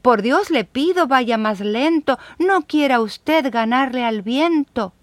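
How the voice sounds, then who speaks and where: A woman voicing a small timid flower who gently pleads in a children's poem. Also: high voice, lively intonation, slow, no room sound. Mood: pleading. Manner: soft, pleading.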